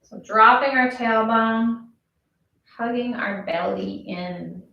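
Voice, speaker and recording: A woman instructor leading a yoga class, talking calmly and slowly with a gently playful touch. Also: on the high side, vocal fry, highs cut off. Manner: calm, slow, gently playful. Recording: very echoey room, voice from far off.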